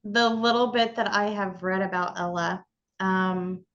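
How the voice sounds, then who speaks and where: A woman interviewing a guest for a charity fundraiser, gentle and affirming. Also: medium pitch, fairly even intonation, a little slow, lo-fi sound. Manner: gentle, affirming, with short yeahs. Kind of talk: interview questions.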